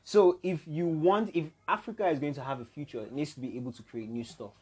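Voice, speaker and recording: A man's voice: fairly high pitch, fairly quick, darkish tone, breathy edge. Emphatic man, podcast guest. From Nigeria. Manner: emphatic, keeps checking the listener follows. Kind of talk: casual podcast discussion.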